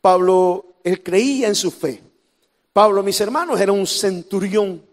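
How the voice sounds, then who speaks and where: High-voiced Salvadoran pastor preaching. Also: male voice, unhurried, big-room sound. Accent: Salvadoran Spanish. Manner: preaching with sudden shouts and drops to near whispers; humorous asides to the congregation. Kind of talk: sermon.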